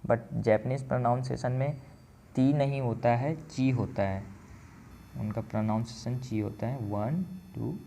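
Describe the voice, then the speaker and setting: A man's voice: mid-range voice, normal speed, creaky, dark tone, a little hiss or hum. A man teaching a writing lesson, patiently counting out each stroke aloud as he explains. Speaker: language teacher.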